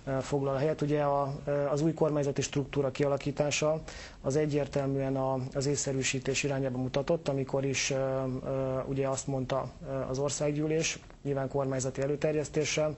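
Hesitant male official, halting speech. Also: mid-range voice, flat delivery, darkish tone. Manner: hesitant, many filler sounds. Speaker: government official guest. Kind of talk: TV interview answers.

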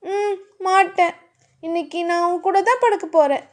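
Woman doing a high, playful young heroine. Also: steady tone, moderate pace. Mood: whiny. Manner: high, pleading and teasing.

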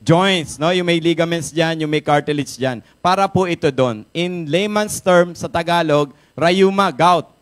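A man with a Filipino accent giving an energetic, jokey product talk to a live audience, often asking the crowd questions. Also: on the high side, measured pace, few pauses. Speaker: product seminar speaker. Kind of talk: lively sales pitch to a live audience. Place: event room with a live audience.

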